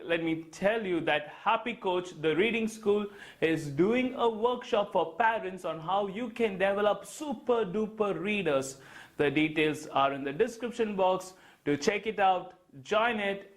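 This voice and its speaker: A young man telling a story for children in an animated, expressive way. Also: sits high, a little slow. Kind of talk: storytelling for kids.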